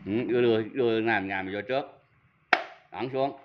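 A man's voice: on the low side, moderate pace, dull audio, background noise. A man with a southern Vietnamese accent, a seller of used power tools, giving a casual product demo and talking straight to his viewers in a chatty, self-mocking way.

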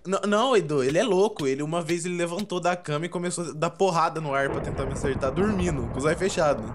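A man's voice: on the high side, fast, noisy background. A man chatting over a game, stammering as he tells on a friend. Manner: stammering, tattling. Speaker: gaming friend. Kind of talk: casual gaming chat.

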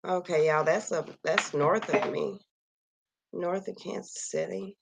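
A vlogger near Kansas City, her voice going hoarse, reads a missing persons list aloud from home and muses over it in a casual screen-share. She speaks slowly and softly in a low, gravelly, slightly husky tone, sighing often, into her computer microphone. The recording is rough, dry and close, with no sense of a room.

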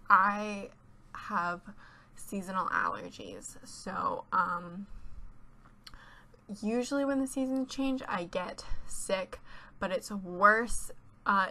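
A teenage YouTuber records a casual voice-over chat on a home voice-over mic, rambling and giggling while congested from a cold. Her medium-pitched voice has vocal fry and sounds pushed and bright.

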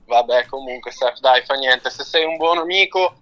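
A man's voice: mid-range voice, moderate pace, sharp tone, lo-fi sound. A man calling in over a phone on speakerphone, playfully begging in casual chat. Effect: heard over a phone on speakerphone. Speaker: caller.

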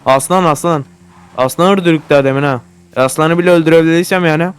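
A man narrates his gameplay in loose, casual commentary, swearing freely and flaring into excitable shouts at whatever happens on screen. His voice sits a little high and stays smooth and clean throughout. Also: quick pace. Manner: profane, excitable, often yelling at the game. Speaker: gaming YouTuber.

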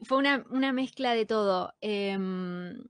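A young woman with an Argentine accent answering interview questions from a small bedroom on a condenser mic, thoughtful and hesitant, pausing often to think. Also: mid-range voice, smooth, no room sound. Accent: Argentine Spanish. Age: young adult. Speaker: singer and model guest. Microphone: headphones with studio condenser mic.

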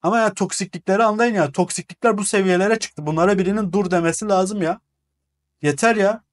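A man with a fairly high voice talks straight to his viewers in a casual monologue. He sounds exasperated and lecturing, and he repeats words over and over to make his point. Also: brisk. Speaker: gaming channel host. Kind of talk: casual monologue replying to comments.

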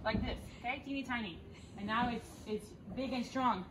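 A woman's voice: fairly high pitch, moderate pace, noisy background. A young woman leading kids through backyard water games outdoors, jokey and bubbly, laughing often. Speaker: activity leader. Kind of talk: playful outdoor activity demo for kids.

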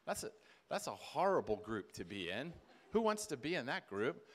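A middle-aged man addresses a conference audience in an informal, sermon-like style, speaking conversationally, repeating words and acting out bits of dialogue. His mid-range voice swings widely in pitch at a normal speed. A far camera at the back of a large indoor hall with a seated audience records him.

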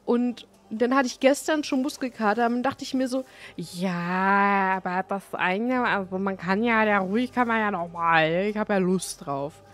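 Her medium-pitched voice is fairly bright, and she keeps a measured pace with hardly any pauses. She's a streamer offering playful, chatty, casual commentary while gaming, with the game's music faintly audible in the background.

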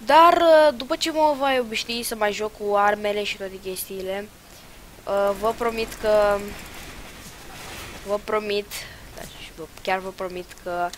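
Excitable young woman, game commentary. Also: medium pitch, slight background noise, poor audio. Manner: excitable, loud outbursts and muttered asides. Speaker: gaming channel host. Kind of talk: casual gameplay commentary.

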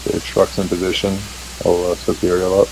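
A man's voice: sits low, flat delivery, quick pace. A man speaking casual fire radio chatter as a truck firefighter in a role-play game. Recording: faint hiss behind voice.

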